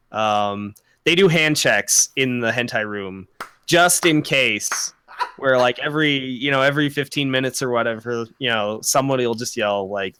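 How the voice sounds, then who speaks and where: A man's voice: mid-range voice, bright, forceful tone, slight background noise. A young man co-hosting a podcast, chatting casually, rambling, swearing a lot and laughing often. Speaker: podcast co-host. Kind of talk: casual chat.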